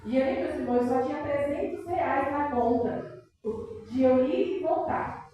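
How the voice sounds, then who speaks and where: A woman's voice: high voice, unhurried, lo-fi sound, slight background noise. A middle-aged woman with a Brazilian accent giving an emotional church testimony, breaking in often with praise and prayer. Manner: emotional, peppered with praise interjections. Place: church hall. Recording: very echoey church hall from far off.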